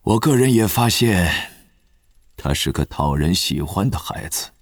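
A man voicing a gentle old headmaster wizard, slow unhurried talk, husky, dry close sound. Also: sits low, expressive, no echo, voice pushed down. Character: wise elderly male headmaster wizard, calm and gentle. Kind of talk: audiobook character voice.

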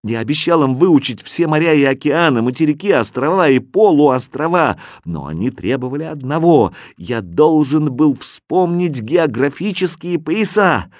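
Lively male storybook narrator. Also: a little high, normal speed, hardly any pauses, dry recording, clean studio sound. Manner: expressive, lively reading. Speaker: audiobook narrator. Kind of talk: first-person storybook narration.

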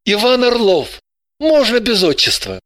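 A man voicing a shy, earnest young man in an audiobook, talking softly and hesitantly. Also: high voice, huge pitch swings, a little slow, no echo, clean studio sound, exaggerated voice. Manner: soft, hesitant and pleading. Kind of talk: audiobook character voice.

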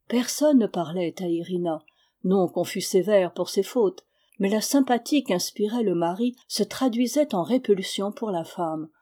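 A woman calmly reading a novel aloud in a measured storytelling manner. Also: mid-range voice. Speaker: audiobook reader. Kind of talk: scripted narration of a novel.

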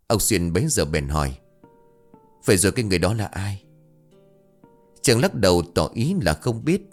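A man reads a ghost story in a lowish voice that swings widely in pitch, dramatic and expressive. Faint music plays underneath. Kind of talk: scripted ghost story narration.

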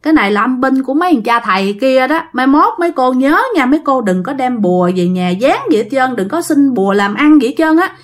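A woman playing a shrewd older fortune-teller who lectures with confidence. The voice stays fairly high and moves lively as he explains and warns. It is told as a spoken ghost story. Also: a little fast, hardly any pauses. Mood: lecturing. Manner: lecturing, knowing.

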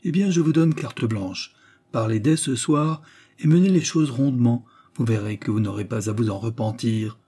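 A man's voice: medium pitch, mellow, natural voice. A man voicing a scheming, persuasive older society lady who coaxes a shy suitor. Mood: coaxing. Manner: coaxing, insinuating, brisk.

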